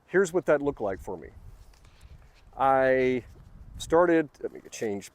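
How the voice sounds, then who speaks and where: A man's voice: mid-range voice, expressive, takes it slowly. A man talking casually from his notes about personal spiritual lessons, earnest and rambling, with fillers and restarts. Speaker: vlogger sharing spiritual lessons. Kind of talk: casual reflective monologue from notes.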